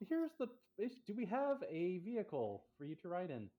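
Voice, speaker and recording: A man's voice: high-pitched, wildly swooping pitch, fairly quick, dark tone. A man playing a tabletop game, asking practical questions in casual chat. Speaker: player.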